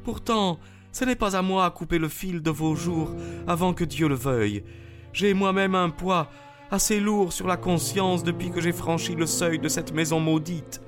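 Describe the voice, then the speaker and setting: A man's voice: sits high, moderate pace, over music, pitched above the performer's own voice, natural voice. A man voicing a dignified older woman with a foreign accent in an audiobook, speaking with solemn gravity. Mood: scornful.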